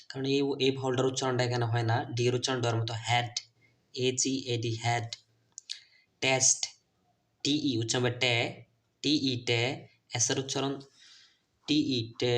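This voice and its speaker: Man teaching English phonics slowly. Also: medium pitch, fairly bright tone. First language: Bengali. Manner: spells out letters slowly and repeats words. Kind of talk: phonics lesson video.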